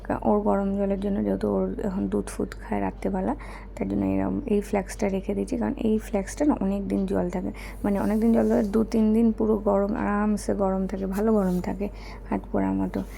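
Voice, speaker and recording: Young woman, hoarse, gravelly, mellow, soft-spoken, casual unboxing chat. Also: mid-range voice, level tone, a little fast, a little hiss or hum. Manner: speaking softly because her son is asleep. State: hoarse, her throat is bad. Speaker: vlogger showing gifts.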